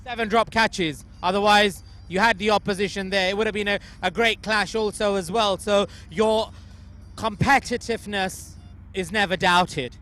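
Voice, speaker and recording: A man's voice: high-pitched, fairly even intonation, moderate pace, pushed and bright. A man interviewing cricket players outdoors before a final, effusive and directing players and camera. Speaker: pitchside interviewer. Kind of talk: cricket pre-match interviews. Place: outdoors at a cricket ground at night.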